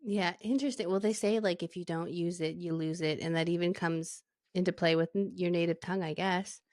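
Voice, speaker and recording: A woman's voice: lowish voice, fairly even intonation, fairly quick, a little mellow, no room sound, clean studio sound. A young woman from Alberta hosting a casual book podcast, bubbly and chatty, laughing often and leaning on filler words. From Canada, Alberta. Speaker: podcast host.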